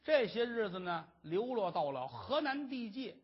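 A man performing traditional Chinese storytelling, lively and dramatic, on a dull lo-fi recording. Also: moderate pace, breathy edge. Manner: lively, dramatic, shifting pitch.

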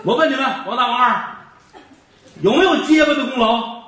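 A man's voice: extremely high pitch, fairly quick. A man playing a blustering pompous magistrate. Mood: scolding. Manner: loud, pompous and scolding. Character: blustering male county magistrate, bossy and unfair. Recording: echoey hall from far off.

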